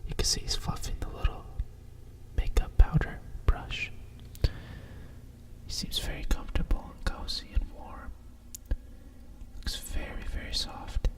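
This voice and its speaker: A fully whispered ASMR voice, reading a bedtime story right in your ear. The delivery is slow, soft and breathy, with soothing asides between the lines of the picture book. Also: far from the mic, poor audio.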